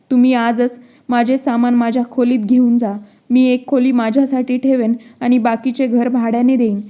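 A woman narrates an elderly widowed mother, firm and defiant. She scolds in a slightly high voice with little rise and fall. The tone stays mellow and even. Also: natural voice. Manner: forceful, scolding reading.

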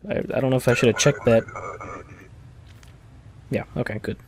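A man's voice: mid-range voice, steady tone, normal speed, slight background noise. A man casually commenting as he plays a video game, chatting and reading its text aloud. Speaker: let's play host.

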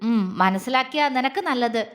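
A woman's voice: fairly high pitch, animated, moderate pace, in a large hall, lightly acted. A woman voicing a stern, protective young husband who speaks firmly and possessively, in a romantic audio story. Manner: firm, commanding and possessive when stern.

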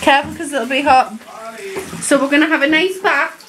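Chatty young mum vlogging. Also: female voice, sits high, steady tone, normal speed, over a noisy crowd. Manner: chatty, rambling. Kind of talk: casual vlog chat. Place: at home.

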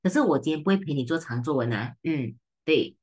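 A woman tutor with a Malaysian Mandarin accent, teaching an online seminar in a brisk, teasing way and mixing in English and Malay. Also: low-pitched, animated, darkish tone, breathy edge.

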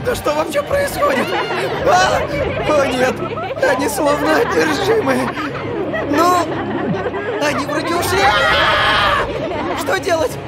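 A woman voicing a brave but easily flustered young male monster in an animated comedy dub, exclaiming melodramatically. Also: high voice, takes it slowly, long pauses, full character voice. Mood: panicked. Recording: loud music and crowd noise behind.

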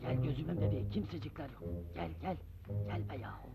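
A gravelly crafty old grandpa. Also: male voice, fairly high pitch, lively intonation, brisk. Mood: coaxing. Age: older. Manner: gravelly, coaxing, bossy. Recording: dull old film soundtrack with music.

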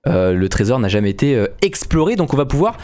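A man hosting a casual gameplay chat, playful and joking, quick to get excited. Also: mid-range voice. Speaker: gaming video host.

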